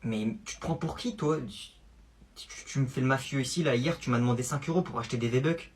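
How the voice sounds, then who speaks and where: A man's voice: mid-range voice, fairly quick, natural voice. A man playing an exasperated older brother who fires back incredulous, mocking questions in a comedy sketch.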